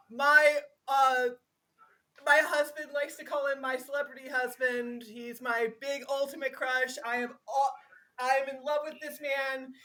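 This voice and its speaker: High-voiced gushing woman co-host. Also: sharp tone, rough recording. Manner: gushing, enthusiastic, laughs while talking. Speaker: podcast co-host. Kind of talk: casual podcast chat.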